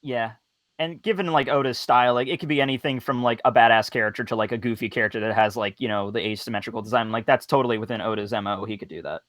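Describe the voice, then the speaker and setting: A man in his mid-twenties chats as a guest on a laid-back stream. He is animated and jokey and leans on "like" a lot. His voice is mid-pitched and sounds dry and close. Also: quick pace, no room sound. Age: 20s. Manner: animated, jokey, heavy use of "like". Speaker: guest panelist. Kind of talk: casual livestream panel chat.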